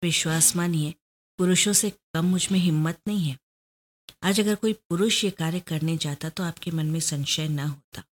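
Woman reading a gutsy young lady detective, earnest and insistent, lowish voice, storybook. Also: lightly acted. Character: young woman undercover detective, determined and proud.

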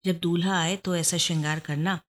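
A woman voicing a wealthy, good-natured young man who jokes warmly and pleads earnestly. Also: lowish voice, steady tone, moderate pace, lightly acted. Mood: warm, joking. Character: rich affable young man, warm and joking.

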